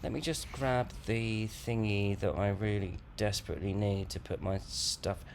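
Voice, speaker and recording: A man narrating a home vlog in a jokey, teasing, lively way. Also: on the low side, moderate pace, vocal fry, slight background noise. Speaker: co-host, husband. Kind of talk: playful vlog voice-over.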